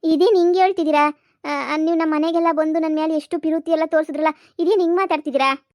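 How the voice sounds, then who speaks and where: A woman's voice: sits high, steady tone, fast talker, a little mellow, dry recording, studio quality. A woman voicing a melodramatic village woman, in a cartoon comedy. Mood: indignant. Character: fifty-something village woman, pushy, clingy.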